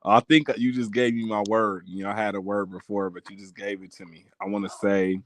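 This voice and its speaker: A man, a writer guest on a podcast, speaking relaxed and thoughtful. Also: lowish voice, fairly quick. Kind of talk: casual conversation.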